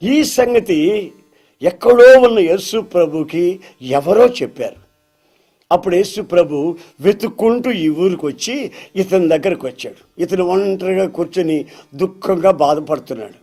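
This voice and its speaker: A man's voice: sits high, expressive, unhurried, warm tone. A man preacher giving a storytelling sermon, addressing his listeners as dear brothers.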